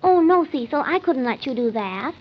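A nervous, prim wife in an old radio comedy. Her voice is high, earnest and fretful, stubbornly insistent. It comes through a dull, lo-fi vintage recording. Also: lively intonation, normal speed, breathy edge.

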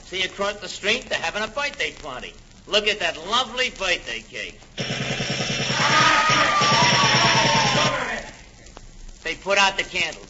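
An actor playing a brash, menacing American gangster with bossy, slangy tough talk, in old-time radio comedy style. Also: male voice, sits high, sing-song, brisk. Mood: bossy, reassuring. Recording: muffled, noisy old radio recording.

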